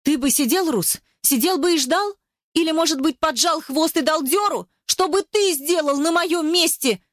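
A woman voicing a defiant, fiery young woman who shoots out sharp, demanding questions, in an audiobook. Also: sits high, normal speed, dry recording, studio quality, pitched above the performer's own voice. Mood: furious. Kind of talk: audiobook character voice.

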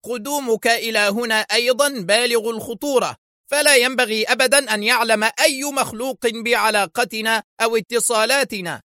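A man doing a shrill, furious spy boss. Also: a little fast, no room sound, studio quality. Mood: angry. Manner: sharp, shouting, menacing. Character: furious scheming male crime boss and spy. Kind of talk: audiobook character voice.

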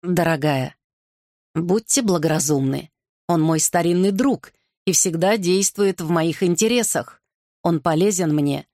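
A woman's voice: fairly low pitch, a little slow, mellow, no room sound, studio quality. A woman reader voicing a stern, commanding king who growls his threats. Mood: persuasive.

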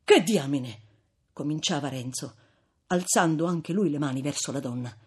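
A woman reading a classic novel aloud as narrator, with measured, expressive storytelling and a husky voice. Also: deep voice. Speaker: audiobook reader.

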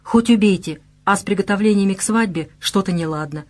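A woman reads a fantasy audiobook aloud in a measured, even way. Her voice sits at a medium pitch. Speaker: audiobook narrator. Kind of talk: scripted audiobook narration.

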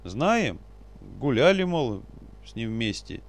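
A man doing a grey-haired old warrior in a storybook, unwilling and hesitant, picking his words with a slow, halting delivery. His voice rises and dips with lively intonation. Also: medium pitch, pitched above the performer's own voice. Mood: reluctant. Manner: hesitant, mumbling, reluctant.

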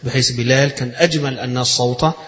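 A man's voice: medium pitch, steady tone, quick pace, fairly bright tone. A man with an Egyptian accent giving a religious lecture, reading a passage and then explaining it in colloquial speech, repeating phrases to show their pronunciation. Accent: Egyptian Arabic. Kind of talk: lecture explaining a read-out text. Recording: echoey hall, dull lo-fi sound.

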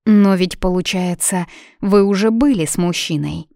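Kindly chatty maid voiced by a woman, gentle, reassuring, mellow lowish voice, storybook reading. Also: moderate pace, gravelly, no echo, studio quality. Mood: soothing.

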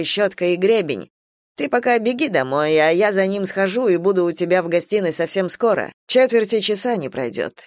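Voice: medium pitch, dry recording, studio quality, close to an everyday voice. A reader doing a mocking young sergeant. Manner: mocking, cool. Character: young soldier, mocking and cynical. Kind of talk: audiobook character reading.

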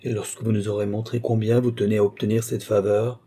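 A man reading an audiobook, voicing a calm, dignified royal princess. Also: lowish voice, fairly quick. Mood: reassuring.

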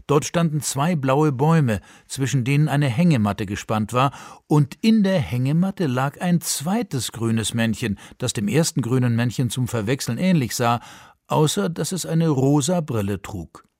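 A man narrating a story for radio in a measured, expressive way, recorded in a studio. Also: medium pitch, no room sound.

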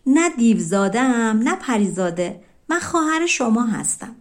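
A woman voicing a gentle, hardworking young girl in a storybook folk tale, talking earnestly. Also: fairly high pitch, very animated.

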